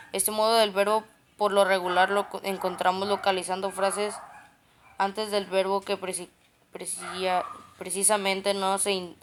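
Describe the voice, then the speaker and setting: A woman's voice: mid-range voice, a little hiss or hum. A woman reading grammar study notes aloud, stepping through terms and definitions and often restarting words.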